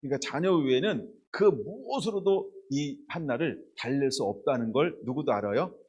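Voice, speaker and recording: A man's voice: mid-range voice, normal speed, husky. A male pastor preaching a midweek sermon in a church, asking the congregation questions and joking as he goes. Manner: animated, asks the congregation questions and answers them, jokes and laughs often.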